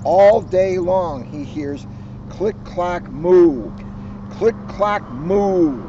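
An older male police officer stands on an open grassy lawn reading a children's story aloud, dramatic and expressive, tossing in joking asides. His voice sits high and he draws out his words. A camera a short distance away picks him up, and the outdoor recording is muffled with background noise.

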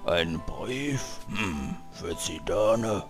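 A man voicing a grumpy old robber chief from a video game, muttering sarcastically in a gravelly voice. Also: low-pitched, animated, extremely slow, soft background music, heavily acted. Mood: gruff, jovial. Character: grumpy, booming old robber chief, big male brute with hearty mockery. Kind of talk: hobby dub of video game dialogue.

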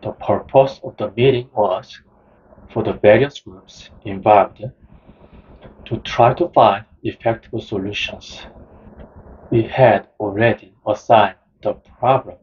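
A man narrating a nonfiction book in the first person, in a slow, measured reading style. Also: mid-range voice, husky. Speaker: audiobook narrator. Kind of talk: scripted narration. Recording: dull lo-fi sound.

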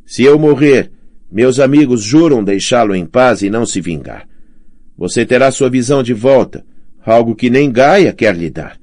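A man's voice: mid-range voice, lively intonation, normal speed, a little mellow, dry recording, clean studio sound, pitched above the performer's own voice, close to an everyday voice. A man voicing a bold young male demigod in an audiobook, firm and matter-of-fact as he bargains. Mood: earnest. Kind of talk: audiobook character voice.

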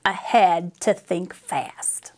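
Reading very slowly in a fairly low voice, a middle-aged American woman tells a children's story with an expressive, drawling, folksy Western dialect. The recording was made indoors on a lapel mic.

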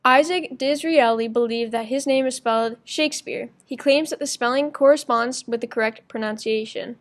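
A woman's voice: fairly high pitch, normal speed. A woman narrating a school project presentation, reading evenly from a script. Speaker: student presenter.

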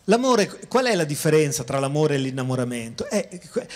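A man with a fairly high voice lectures to an audience, talking to them directly. He often repeats and restarts his phrases, then slows right down to lean on the words that matter. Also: very animated, darkish tone. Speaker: philosopher giving a public talk. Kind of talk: public lecture. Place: outdoor town square.

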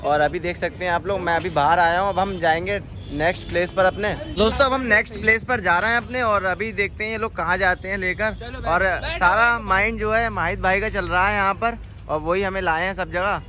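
A man's voice: high voice, fairly even intonation, fairly quick. Upbeat young man vlogging on a phone. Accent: Bareilly Hindi. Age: young adult. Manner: upbeat, repetitive, addresses viewers as friends. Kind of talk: casual walking vlog narration. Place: restaurant halls and outdoor courtyard at night. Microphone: phone selfie camera at arm's length.

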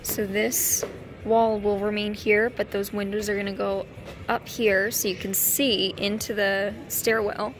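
A woman vlogger with a hoarse voice, chatting casually and rambling, with lots of ums and trailing thoughts. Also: medium pitch, level tone, a little slow, over music. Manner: chatty and rambling, with frequent fillers. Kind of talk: casual vlog chat.

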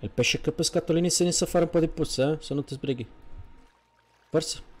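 A man voicing a chatty, flattering Egyptian man from Cairo in a game role-play, speaking in broken, simplified sentences and repeating his words. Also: fairly high pitch, quick pace, faint music behind, lightly acted. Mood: cheerful. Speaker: streamer role-playing a character.

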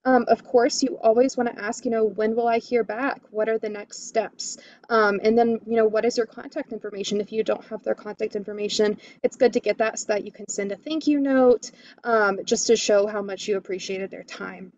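A woman's voice: a little high, steady tone, a little fast, darkish tone, dull audio. A woman career coach giving interview tips in a webinar, enthusiastic, with lots of "you know" and "um". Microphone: video call.

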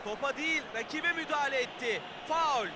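A man's voice: extremely high pitch, brisk. A man doing play-by-play football match commentary. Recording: loud stadium-like background noise.

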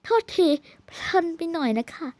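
A young woman chatting playfully and politely while playing a multiplayer game, bubbly and excitable. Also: moderate pace, no room sound. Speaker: game streamer. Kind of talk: casual multiplayer game commentary.

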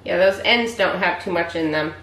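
A woman in her forties chats casually while walking through her meal prep step by step in her home kitchen. Her voice is fairly low and fairly bright, at a normal speed. The camera sits far off, so the kitchen sounds echoey, with slight background noise.

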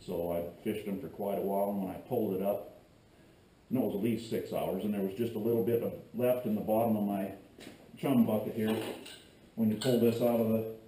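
A middle-aged man with a lowish, dark, steady voice hosts a casual how-to fishing vlog, speaking briskly as he jokes, rambles and makes chatty asides while working in a cluttered garage workshop. A tripod camera set back from him picks up his voice, and the garage is echoey with a faint hum.

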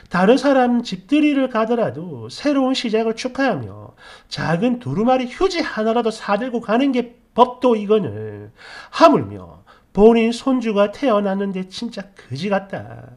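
A man narrating a dramatized first-person story and reading comments, with animated, exasperated retorts and frequent interjections. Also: high-pitched.

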